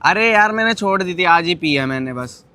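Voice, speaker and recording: A man's voice: high voice, lively intonation, moderate pace, sharp tone. A young man filming a prank vlog, teasing and defiant as he brushes off his partner's scolding. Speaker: vlogger.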